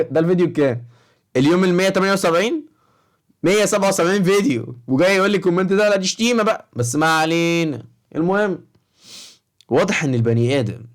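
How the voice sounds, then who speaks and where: A young man with an Egyptian Arabic accent, talking to high school students in a casual, rambling vlog and often checking in with the viewer. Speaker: study-advice vlogger for high school students.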